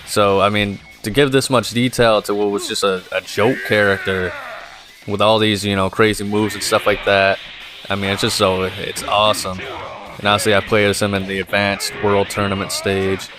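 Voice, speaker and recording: A man gives laid-back gameplay commentary in a low, flat monotone, rambling along with plenty of fillers. Game music plays clearly underneath his voice. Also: moderate pace. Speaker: gaming channel host.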